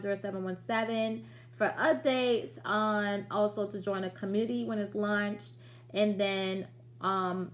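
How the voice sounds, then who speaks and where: A woman in her late thirties hosting a business livestream in a chatty, direct, motivating way with slangy asides. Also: medium pitch. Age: late 30s. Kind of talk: casual livestream talk.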